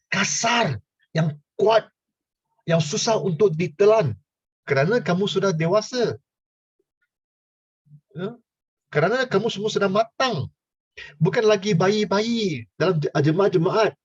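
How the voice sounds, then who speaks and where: A man's voice: sits high, lively intonation, slow pace, pauses often, husky, dry recording. An older man preaching, stammering, full of fillers and playful asides. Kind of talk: sermon. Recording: dull lo-fi sound, dry.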